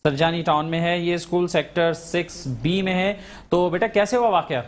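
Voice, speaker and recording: A male TV talk show host in a studio, asking measured, probing questions and pausing on thoughtful fillers between them. His voice sits a little high for a man, with a faint hiss of noise under it. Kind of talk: TV talk show hosting and interviewing.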